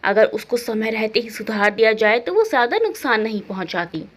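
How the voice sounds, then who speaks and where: A woman voicing a stern aging mother-in-law who lectures her daughters-in-law on duty in a measured way. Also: fairly high pitch, expressive. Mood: calm.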